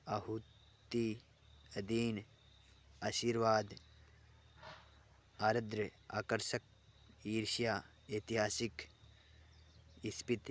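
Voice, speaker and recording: A man teaching an online exam-prep lesson, reading out word lists slowly and repeating phrases as he explains. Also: lowish voice.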